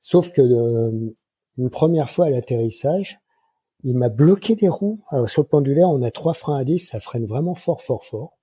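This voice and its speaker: Guest: man, 60s, husky and very dark, lively colloquial storyteller. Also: mid-range voice, moderate pace, no echo. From France. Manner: colloquial, lively anecdotes with many fillers. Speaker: guest, microlight flight instructor. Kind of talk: casual interview storytelling.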